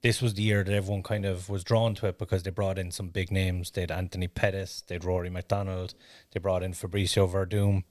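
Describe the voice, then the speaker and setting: Deep-voiced man, dry sound. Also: fast talker, few pauses, dry recording. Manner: animated, laughs often. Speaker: podcast co-host. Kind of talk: casual chat.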